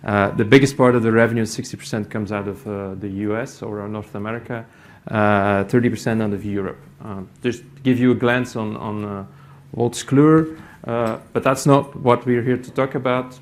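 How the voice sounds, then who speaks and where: Speaking in a lowish, steady voice, a middle-aged Belgian man who heads IT at a company delivers a conference talk in a meeting room. A native Dutch speaker with a Belgian Dutch accent, he is halting, with frequent fillers and restarts.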